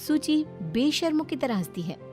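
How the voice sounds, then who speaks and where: A woman narrating a family drama story in a low, steady storytelling voice.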